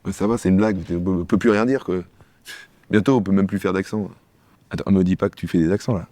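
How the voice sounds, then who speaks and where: A man acting out a bickering comedy sketch dialogue, trading quick lines between two characters. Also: deep voice, fairly even intonation, warm tone, dry recording.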